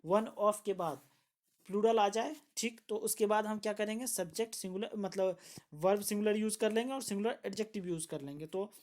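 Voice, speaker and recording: Woman teaching grammar with a mellow voice. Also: medium pitch, a little fast. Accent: Indian. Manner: explains step by step, repeats key words, mixes English terms into Hindi. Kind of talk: online exam-prep grammar lesson.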